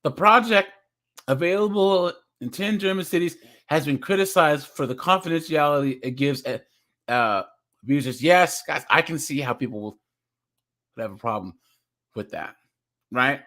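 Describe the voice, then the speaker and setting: A man's voice: on the high side, expressive, moderate pace, bright, forceful tone. A young man giving casual reaction commentary as a streamer, chatty, laughing often and restarting his words as he reads.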